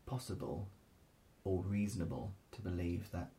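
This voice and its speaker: Male interviewer: low voice with fry, thoughtful, measured phrasing, slight background rumble. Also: mellow. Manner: measured, tentative, careful phrasing. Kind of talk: thoughtful local history interview. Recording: faint noise with low rumble.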